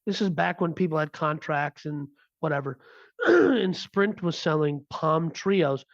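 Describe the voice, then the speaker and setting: A man's voice: on the high side, animated, measured pace, creaky, dry recording, lo-fi sound. A man in his thirties co-hosting a podcast, telling a story casually with lots of restarts. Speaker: podcast co-host. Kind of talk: casual chat.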